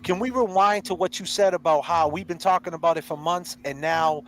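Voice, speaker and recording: A man's voice: on the high side, a little fast, rough recording. A middle-aged man hosting a livestream, confrontational and heated, calling people out by name. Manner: confrontational, repeats names and calls people out directly. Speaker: livestream host.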